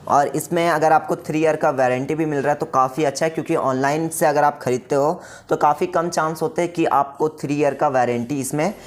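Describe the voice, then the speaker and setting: A man giving a casual product demo, explaining each step and often checking in with the viewer. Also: fairly high pitch. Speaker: music shop staff demonstrating a keyboard. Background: faint keyboard tones.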